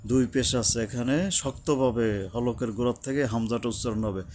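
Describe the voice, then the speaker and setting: A man teaching Quran recitation, explaining pronunciation slowly and chanting short verses to show each sound. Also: mid-range voice, a little mellow, slight background noise. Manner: slow, careful, demonstrating sounds, chanting verses. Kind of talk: tajweed lesson, explaining and reciting.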